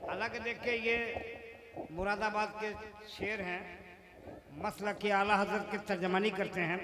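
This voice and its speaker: A man's voice: sits high, fairly even intonation, a little slow. A man introducing a speaker at a religious gathering and leading the crowd in chants. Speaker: stage announcer at a religious gathering. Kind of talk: rousing stage introduction. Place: outdoor religious conference with crowd. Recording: crowd noise, live event PA.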